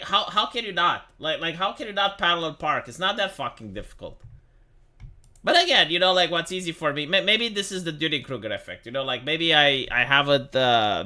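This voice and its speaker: On his laid-back livestream, a young man from Romania reads articles aloud and banters with his chat, with many restarts and the odd curse. His voice sits on the high side and sounds sharp.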